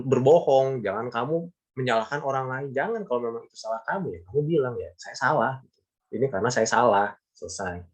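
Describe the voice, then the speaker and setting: Brief: a male teacher, easygoing and emphatic, repeating key points to students in a mid-pitched voice. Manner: chatty, repetitive, emphatic, gives everyday examples. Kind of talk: casual classroom lesson.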